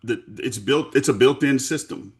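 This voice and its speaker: A man's voice: medium pitch, moderate pace. A man hosting a podcast conversation, speaking in a candid, earnest way. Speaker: podcast host. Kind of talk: conversational interview.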